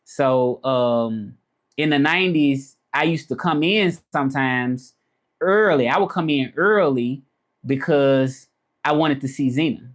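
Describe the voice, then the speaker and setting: An unhurried, mid-range male voice belongs to a man in his thirties from Memphis, Tennessee, who has a Southern accent. He's a vlogger answering live chat on a stream, rambling casually and repeating himself as he chats with viewers.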